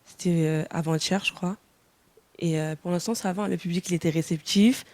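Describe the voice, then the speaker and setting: A woman's voice: lowish voice, fairly even intonation, moderate pace, darkish tone. Hesitant young French woman singer. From France. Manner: hesitant, many fillers and restarts. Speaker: singer, interview guest. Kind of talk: casual interview answers.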